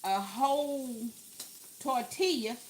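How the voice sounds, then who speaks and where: High-voiced lady chatting to viewers while she cooks, slow and easy, faint sizzle behind. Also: slight background noise. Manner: chatty, talks to viewers as "y'all", exclaims over the food. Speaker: cooking vlogger. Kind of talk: casual cooking chat. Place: home kitchen.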